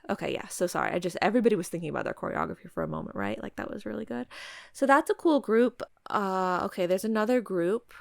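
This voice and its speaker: A woman chats casually as a podcast host, with a fry-edged voice at a middling pitch. She speaks haltingly, feeling for the right words and often describing things in a roundabout way. The sound is dry, with very little room in it. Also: very animated, dry recording. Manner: halting, choosing words carefully and talking around them. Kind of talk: casual podcast chat during a word game.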